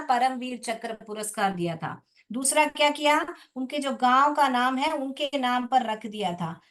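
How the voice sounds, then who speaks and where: A woman's voice: a little high, fairly bright tone. A woman teaching English in an online class, explaining in Hindi with an Indian accent, spelling words out and calling students beta.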